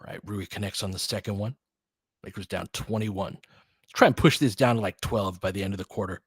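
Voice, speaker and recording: A man with a lowish, breathy-edged voice talks fairly quickly in a clean studio recording with no room sound. He gives informal live basketball play-by-play mixed with bits of analysis, using clipped, slangy, conversational phrases as a partisan fan of one team.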